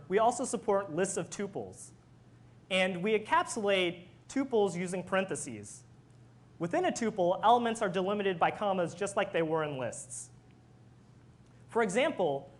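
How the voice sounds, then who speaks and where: Engineer presenting, sex open: mid-pitched, explanatory, walks listeners through step by step. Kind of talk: technical presentation.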